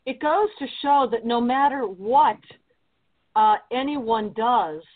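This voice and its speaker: A woman's voice: fairly high pitch, expressive, slow pace. A woman appearing as a guest on talk radio, speaking earnestly while stumbling over many fillers and restarts. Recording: tinny phone-line sound.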